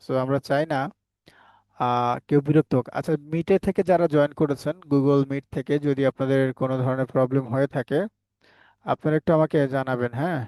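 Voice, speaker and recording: A man's voice: mid-range voice, fairly even intonation, fairly quick, mellow, clear, resonant tone, dry recording. Man teaching in repetitive call-and-response. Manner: drills the class with repeated call-and-response questions. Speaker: English teacher. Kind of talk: online class teaching pronunciation. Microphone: headset.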